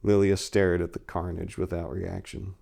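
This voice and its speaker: Low-voiced and warm, with vocal fry, he keeps a level tone at a normal speed. He is a narrator and story editor whose hammy, theatrical storytelling mixes dramatic narration with casual talk to his listeners.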